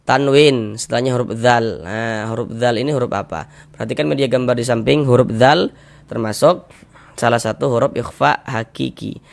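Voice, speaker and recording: A man teaching Quranic recitation rules, explaining patiently, repeating each rule and slowly drawing out the recited syllables. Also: mid-range voice, vocal fry. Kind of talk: tajwid lesson with recited examples.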